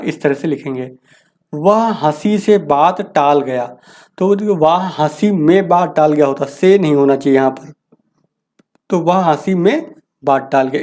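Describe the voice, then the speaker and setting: A man teaching a grammar lesson, reading each sentence slowly and then explaining the correction casually. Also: on the high side, mellow.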